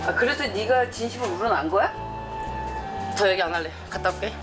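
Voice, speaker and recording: A woman's voice: medium pitch, a little fast, music in the background. A woman, the daughter in a documentary, talking informally and emotionally with her father. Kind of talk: casual family talk.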